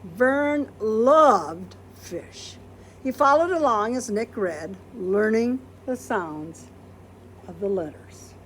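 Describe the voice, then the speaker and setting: This storybook reader, a woman, takes her time with a children's picture book, her slightly high voice expressive over faint background noise. She voices the quoted words dramatically and puts questions to the audience.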